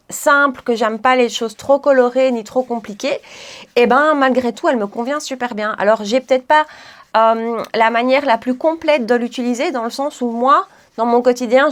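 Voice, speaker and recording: A woman chatting through a makeup tutorial, laughing often and correcting herself as she goes. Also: a little high. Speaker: beauty vlogger.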